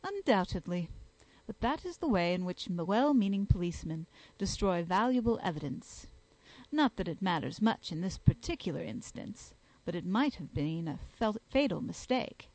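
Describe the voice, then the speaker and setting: A woman reading an audiobook, voicing a calm, methodical male doctor-detective. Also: lowish voice, normal speed, no room sound, poor audio. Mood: composed. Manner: composed, dry, methodical.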